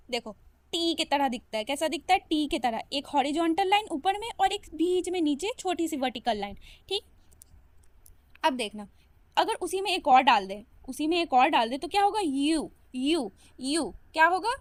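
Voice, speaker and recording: A woman's voice: extremely high pitch, dry recording. A young woman giving a casual step-by-step lesson, patiently repeating each sound and stroke and encouraging her viewers as a learner herself. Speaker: self-taught learner sharing lessons.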